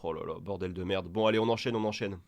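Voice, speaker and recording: A man's voice: deep voice, fast, darkish tone, highs cut off. A man giving sarcastic reaction commentary, mocking and crude, talking straight to the person in the clip he is answering. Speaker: video commentator.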